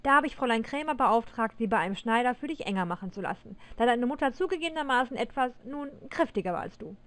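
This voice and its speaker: A woman's voice: on the high side, fast talker. A woman voicing a stern middle-aged father who speaks firmly and with authority in a read-aloud story. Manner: firm, final, calmly authoritative.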